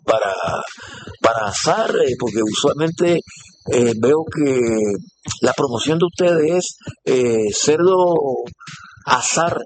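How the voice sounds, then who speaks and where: A man's voice: mid-range voice, animated, slow, slight background noise. A man interviewing a guest, asking chatty questions with many fillers. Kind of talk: on-site interview.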